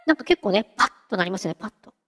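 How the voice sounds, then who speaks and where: A woman hosting a casual software tutorial, chatty and giggly, talking her way through a live demo. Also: mid-range voice, lively intonation, rapid-fire, in a large hall, faint music behind. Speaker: VTuber host teaching singing-synth software.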